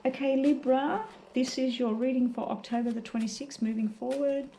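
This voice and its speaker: A woman's voice: high-pitched, normal speed, mellow, a little hiss or hum, poor audio. Woman tarot reader with a sore throat. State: very sore throat, may choke up. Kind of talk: casual tarot reading to camera.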